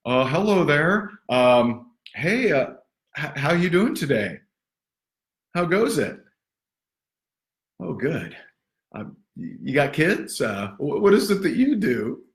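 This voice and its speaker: A man's voice: on the high side, sing-song, takes it slowly, long pauses, roomy sound, voice pushed up, exaggerated voice. A man putting on the voice of an awkward, fumbling cold caller who stammers and hesitates.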